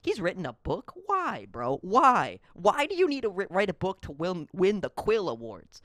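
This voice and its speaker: A man's voice: high voice, wildly swooping pitch, moderate pace, a bit bright, no room sound, studio quality. A young man hosting a solo podcast, ranting in a rambling, profane, heated way. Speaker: podcast host. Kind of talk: solo comedic podcast rant.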